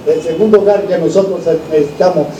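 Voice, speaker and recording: During a church service in a large, echoing room, a high-pitched man preaches fast to his congregation with a crowd in the background. He exhorts them through rhetorical questions and repetition, recorded from a distant microphone.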